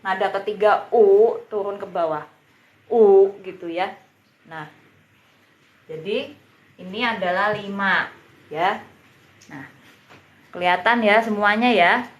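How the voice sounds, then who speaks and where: A woman teacher speaks very slowly, going over each word again and again at an unhurried pace. Her voice rings in an echoey room. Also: medium pitch. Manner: patient, repeats words and drills pronunciation. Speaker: Mandarin teacher. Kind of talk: live-streamed beginner language lesson.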